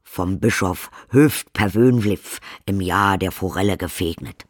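A man voicing a gruff, sly male servant who mocks the vampires. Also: deep voice, unhurried, dry recording, studio quality. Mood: mocking.

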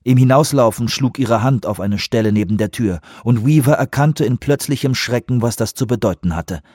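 A man narrating an action scene in an audiobook with steady, tense storytelling. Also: medium pitch, moderate pace, husky, dry recording, studio quality.

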